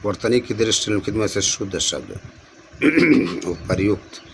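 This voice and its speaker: A man's voice: on the low side, big pitch swings, measured pace, gravelly, heavy background noise. A male teacher going through exam spelling questions, reading each option aloud and repeating words to stress the correct one.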